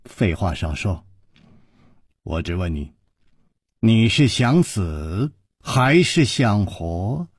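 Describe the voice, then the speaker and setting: A male storyteller voicing a cold, menacing leader of archers who talks low and threatening. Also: huge pitch swings, slow, darkish tone, husky, no echo, clean studio sound, exaggerated voice.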